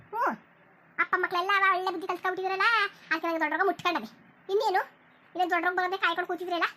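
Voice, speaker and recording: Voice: very high voice, pushed and bright, a little hiss or hum, full character voice. A cartoon voice of an elderly village mother, lamenting and scolding her son over and over. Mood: bitter. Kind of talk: cartoon voice acting.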